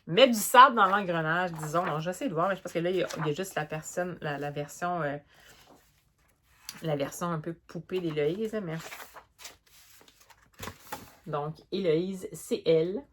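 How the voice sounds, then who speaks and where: Chatty Québécois woman, low voice. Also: moderate pace, slight background noise. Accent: Québécois French. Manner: chatty, animated, many fillers and restarts. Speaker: book vlogger. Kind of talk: casual book review vlog.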